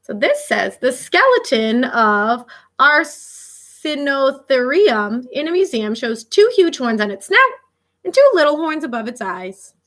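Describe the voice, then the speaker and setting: A bright, high-pitched woman, an elementary school teacher, reads a children's nonfiction picture book aloud with casual asides. She is expressive and speaks to the children, pausing to react and explain.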